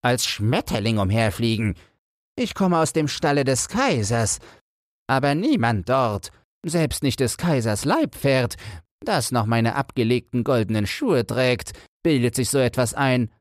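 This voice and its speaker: A man's voice: medium pitch, lively intonation, measured pace, no room sound, clean studio sound, voice pushed up, lightly acted. A man voicing a pompous, easily offended little male dung beetle in a storybook reading. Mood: scornful.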